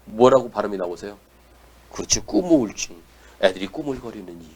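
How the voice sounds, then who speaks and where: A man giving a lecture to parents, animated and often putting questions to the audience. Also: lowish voice, fast, slightly rough.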